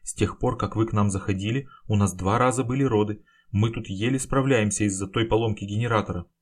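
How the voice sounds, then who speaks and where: A man reading the lines of an overworked female nurse in a brisk, matter-of-fact way. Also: lowish voice, natural voice. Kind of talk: audiobook character voice.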